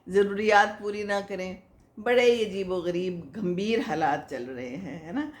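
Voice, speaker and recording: An older woman chats her way through viewers' comments as host of an advice show, motherly and moralizing, with frequent laughs. Her voice sits a little low. The sound rings with the echo of the room around her. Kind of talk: casual advice talk. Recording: echoey room.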